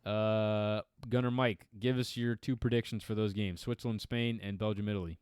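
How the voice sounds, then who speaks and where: A man's voice: fairly low pitch, fairly even intonation, moderate pace, a little mellow, clear, resonant tone, no room sound, studio quality. A man co-hosting a soccer podcast, chatting casually and swearing freely. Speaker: podcast co-host. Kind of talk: casual chat.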